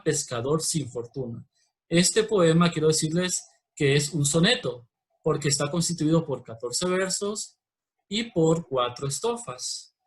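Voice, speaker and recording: Slow explaining Honduran man teacher. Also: on the high side. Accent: Honduran Spanish. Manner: explanatory, patient, slows to spell out examples. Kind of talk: recorded virtual class lesson.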